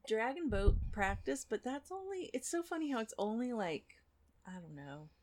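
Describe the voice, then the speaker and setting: A woman in her forties co-hosting a podcast, chatting casually, laughing easily and reacting quickly. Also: a little high, big pitch swings, darkish tone. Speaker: podcast co-host. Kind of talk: casual chat.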